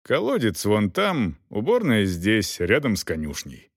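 A man voicing a gruff knight who talks in a dry, unhurried, commanding way in an audiobook. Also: lowish voice, huge pitch swings, no echo, heavily acted. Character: gruff, mocking knight, weary after a long ride.

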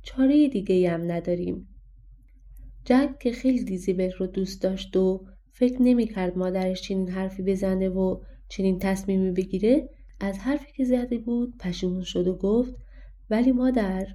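A woman narrating a fairy-tale audiobook in a calm, expressive storybook reading. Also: mid-range voice.

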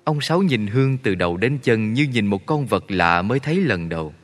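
A man narrating a story in a steady, measured way. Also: lowish voice. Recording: long reverb.

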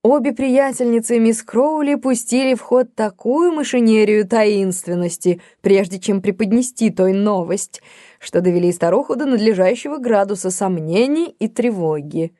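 Female narrator, mellow and measured, dry close recording. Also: medium pitch, no room sound. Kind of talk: audiobook narration of a classic novel.

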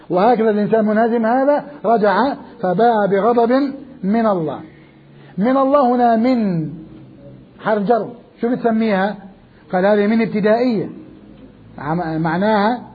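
A man's voice: very high-pitched, slightly rough. A man giving a Quran commentary lecture, emphatic, repeating key words and asking rhetorical questions. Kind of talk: classroom lecture. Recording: dull lo-fi recording.

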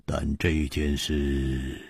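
A man's voice: sits low, big pitch swings, darkish tone, slightly rough, no echo, clean studio sound, exaggerated voice. A man voicing a courteous, evasive old swordsman in a read-aloud martial arts story. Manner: measured, self-styled "old man". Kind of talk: storybook narration.

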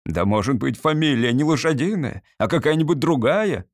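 A male reader voicing a short-tempered old general in an audiobook, slow and groaning. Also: mid-range voice, animated, no echo, clean studio sound, pitched above the performer's own voice, close to an everyday voice. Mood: weary pleading.

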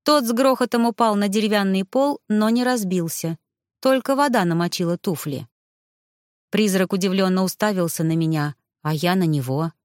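A woman reading a first-person fiction audiobook in an even, lightly dramatized storytelling manner. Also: medium pitch, moderate pace, dry recording, studio quality. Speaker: audiobook narrator.

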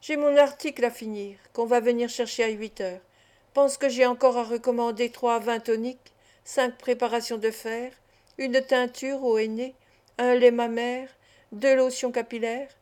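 A poor, weary young doctor, as a woman narrator reads him, rueful and quiet in his complaints. The voice stays mellow and a touch high. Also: natural voice.

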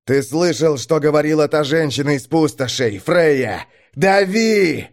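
A man's voice: fairly high pitch, expressive, a little slow, voice pushed up. A cold, ruthless male commander giving curt orders with no sympathy, as a man puts him on. His voice is hard and level. It is an audiobook voice. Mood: commanding.

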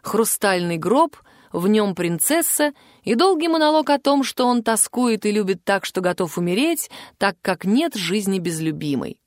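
A woman narrating an audiobook in an even, clear storytelling manner on a close mic. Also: mid-range voice, moderate pace, no room sound.

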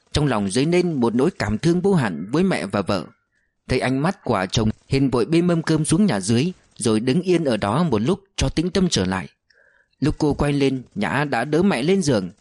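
A man reads a novel aloud in steady audiobook narration. His voice sits in the middle of the range, and the recording is dry and close with no room echo. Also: medium pitch. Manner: steady storytelling.

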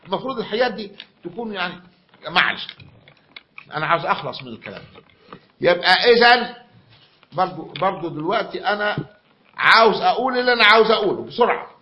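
A man's voice: sits high, expressive, quick pace, long pauses, slight background noise. A man with an Egyptian accent giving a classroom lecture, often repeating himself and quizzing his students. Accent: Egyptian Arabic. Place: lecture room. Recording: dull lo-fi recording.

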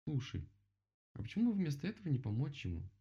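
A man voicing a gentle, patient female bear in a children's story, calm and careful. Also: fairly high pitch, fast, gravelly, breathy edge, voice pushed up, heavily acted. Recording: dull lo-fi recording.

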